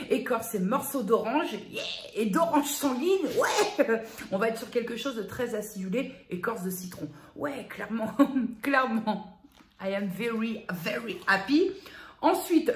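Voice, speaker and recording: A fairly high-pitched woman talks casually in a home vlog, reading product labels aloud and stopping often with fillers. The room gives her voice a clear echo. Her delivery is relaxed and chatty. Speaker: vlogger.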